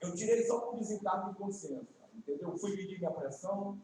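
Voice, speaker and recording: A man from Ceará in his fifties, with a Northeastern Brazilian accent, preaching an evangelistic sermon with folksy asides and slow, emphatic lines. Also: sits high, background noise. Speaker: guest preacher. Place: church sanctuary. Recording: echoey distant church livestream.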